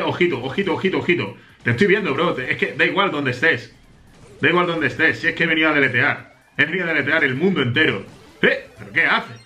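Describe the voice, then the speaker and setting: A man's voice: a little high, sharp tone. A young man from Spain with a Spain Spanish accent commentates his gameplay in a hyped, boastful way, rattling off repeated words. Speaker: gaming youtuber.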